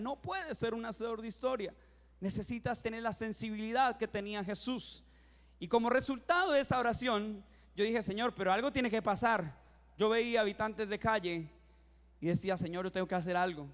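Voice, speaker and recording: A young man in his twenties, a youth pastor, preaching a sermon and telling funny stories, acting out his own reactions with lively energy. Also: sits high. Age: 20s. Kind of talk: sermon with humorous storytelling. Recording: reverberant hall.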